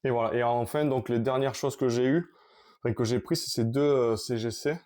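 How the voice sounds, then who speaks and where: A man casually showing his collection on camera, talking in a halting, rambling way with many restarts. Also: medium pitch, fairly even intonation, a little mellow.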